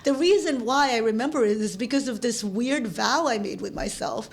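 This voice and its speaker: A woman in her forties from the Philippines, a podcast guest talking casually, halting with many restarts and frequent laughs. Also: a little high, vocal fry, breathy edge. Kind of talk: casual interview chat.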